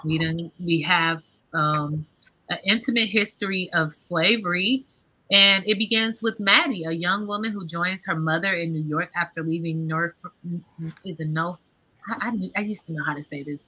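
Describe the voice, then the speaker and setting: Woman, 30s, American accent, forceful bright voice a touch low, book club host thinking aloud on a video call. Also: moderate pace, husky, poor audio. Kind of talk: discussion with reading aloud. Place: indoor room at home, video call. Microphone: computer mic on video call.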